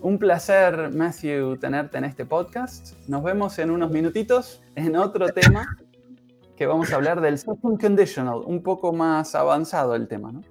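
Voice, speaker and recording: A man's voice: on the high side, expressive, moderate pace, gravelly, faint music behind. A man teaching English on a podcast, patiently repeating each word for learners. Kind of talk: podcast language lesson.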